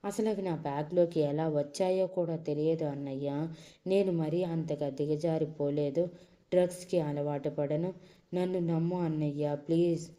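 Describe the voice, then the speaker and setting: A woman's voice: sits low, steady tone, moderate pace, mellow, lightly acted. A woman voicing a tearful young man who begs to be believed in an audio story. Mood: pleading. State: crying.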